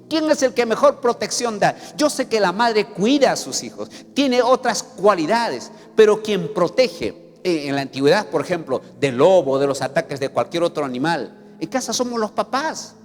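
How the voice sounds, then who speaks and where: Animated preaching man in a reverberant hall. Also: normal speed. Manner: emphatic preaching, sweeping pitch, acts out scenes. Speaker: pastor. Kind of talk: sermon. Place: church hall. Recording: reverberant church hall with faint music.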